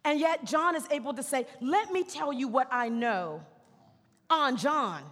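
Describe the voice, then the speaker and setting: A woman's voice: sits high, expressive, measured pace, a bit bright. A woman pastor preaching a sermon, stretching out key words for emphasis and tossing casual asides to the congregation. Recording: long reverb of a sanctuary.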